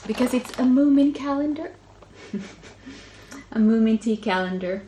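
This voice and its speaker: This low-quality recording carries a little hiss or hum as a middle-aged Finland-Swedish woman, a Swedish native, speaks a bit slowly in a fairly high voice with a Finland-Swedish accent. Hosting a casual solo knitting video podcast, she chats, breaks off mid-thought, laughs softly and says "um" often.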